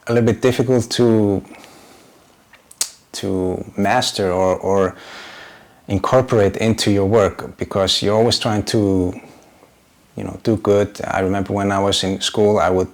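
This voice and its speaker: In a casual, unscripted vlog, a man in his forties, a YouTuber and graphic designer, speaks English as a second language with an Icelandic accent. His fairly low voice stays fairly even, moving slowly with frequent pauses. He sounds hesitant, often hunting for words and using many fillers.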